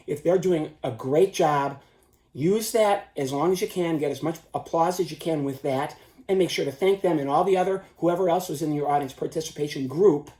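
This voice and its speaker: A man's voice: on the high side, dark tone. A man giving an informal instructional talk as a performer, stressing his points with emphatic repetition. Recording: roomy, echoing sound.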